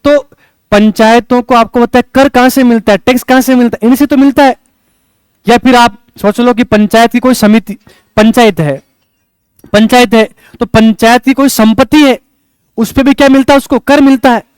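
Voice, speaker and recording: A man's voice: very high-pitched, steady tone, normal speed, clean tone, no echo. A male coaching teacher, lecturing a class and checking in with rhetorical questions as he teaches memory tricks.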